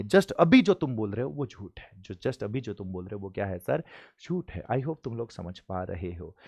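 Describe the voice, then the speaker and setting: A man from India teaching an exam-prep English lesson, pressing students with quick questions and spelling out example sentences slowly. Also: medium pitch, creaky, a little mellow, no room sound, clean studio sound. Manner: urges students to repeat sentences, drills with rapid questions.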